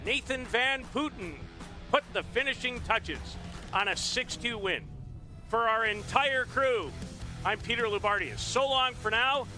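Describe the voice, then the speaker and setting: A man's voice: extremely high pitch, unhurried, sharp tone, soft background music. A man announcing a sports broadcast from the booth and wrapping up the game. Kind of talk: broadcast sports sign-off commentary.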